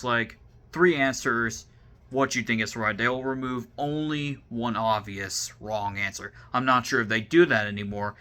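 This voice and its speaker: A man's voice: mid-range voice, pushed and bright. A young man with a Southern US accent hosting his own video series, talking casually to camera and often stopping to repeat and restart his words. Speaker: vlog host.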